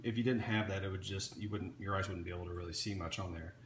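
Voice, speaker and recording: A man's voice: sits low, fairly even intonation, fast talker, a bit bright. A man casually showing off an electronics kit he built, talking off the cuff with frequent restarts and fillers. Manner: rambling, many restarts and fillers. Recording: echoey room with faint ambient noise.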